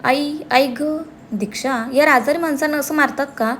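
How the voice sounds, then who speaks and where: Woman doing a playful teasing young man, mischievous, bit high-pitched. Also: moderate pace, fairly bright tone, slight background noise.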